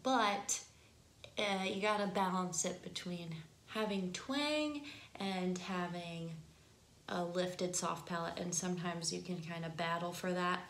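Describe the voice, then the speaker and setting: A nasal-voiced woman with an Upper Midwest accent speaks slowly in a fairly low, steady, fairly bright voice while casually teaching singing to camera. She laughs easily, and the room is echoey.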